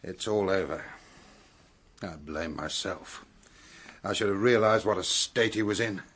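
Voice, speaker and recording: An actor playing a weary, grave police superintendent in a radio drama, terse, sober and authoritative. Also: male voice, low voice, a little slow, fairly bright tone, husky, exaggerated voice. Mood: shaken, weary.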